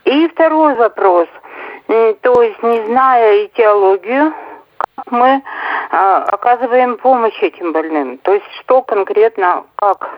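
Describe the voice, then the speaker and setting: An older woman calling a radio phone-in, asking questions with hesitant pauses over a phone line that sounds like a small radio speaker. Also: on the high side, animated. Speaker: phone-in caller, former medical worker. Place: phone call into a radio studio.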